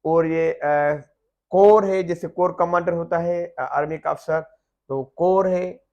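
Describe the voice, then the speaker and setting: A man teaching English silent letters, explaining slowly with frequent "uh" fillers and repeating example words loudly and carefully. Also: on the high side, steady tone, lo-fi sound. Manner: slow, deliberate explaining with many "uh" fillers.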